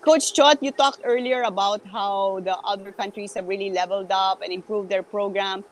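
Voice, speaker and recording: A woman co-hosting a sports talk show, asking lively questions and slipping Tagalog words into English. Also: mid-range voice, moderate pace, a little hiss or hum, rough recording. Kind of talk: hosting an interview.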